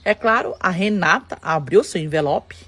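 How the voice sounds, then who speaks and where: Woman, Brazilian Portuguese accent, dramatic storytelling, talks to listeners directly, lively swooping pitch, breathy. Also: moderate pace, no room sound. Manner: animated, addresses listeners directly. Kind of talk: dramatic first-person storytelling.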